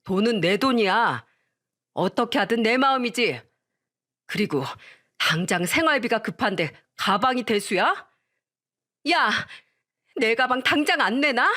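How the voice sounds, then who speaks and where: A woman voicing a selfish, nagging young wife who scolds and shouts at her husband in a storytelling drama. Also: mid-range voice, lively intonation, measured pace. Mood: screeching.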